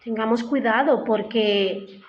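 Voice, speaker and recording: A woman's voice: on the high side, slow, a little hiss or hum. Chatty woman preaching in an echoey hall. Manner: conversational, retells the story in her own words with frequent "¿no?" tags. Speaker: lay preacher. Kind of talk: informal church sermon. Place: church hall. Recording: echoey, muffled church hall recording.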